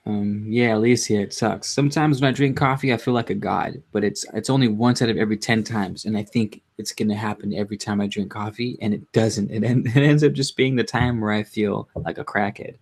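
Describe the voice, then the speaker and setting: A man hosting a casual livestream, chatting to viewers in a subdued, low-energy, rambling way with halting self-interruptions. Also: steady tone. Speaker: livestream host. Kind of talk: casual live chat to viewers.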